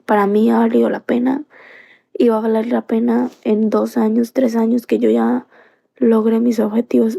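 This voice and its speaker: A woman's voice: fairly high pitch, gravelly, dark tone. A woman from Colombia, earnestly telling a personal story on a live stream into a phone, circling back with many fillers.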